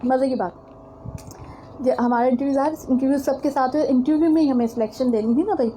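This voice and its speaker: High-voiced, earnest woman preacher. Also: steady tone, mellow, a little hiss or hum, rough recording. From Pakistan. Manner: earnest, storytelling, addresses listeners directly. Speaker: religious teacher. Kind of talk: religious lecture with personal anecdote.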